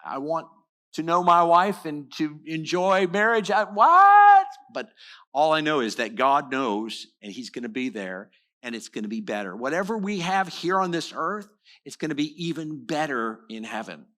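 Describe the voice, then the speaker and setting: A man preaches in a church with a bright, forceful voice pitched a little above the usual. He talks earnestly, doubling back on words and restarting phrases as he presses his point. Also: expressive, normal speed. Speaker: pastor. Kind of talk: sermon. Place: church sanctuary.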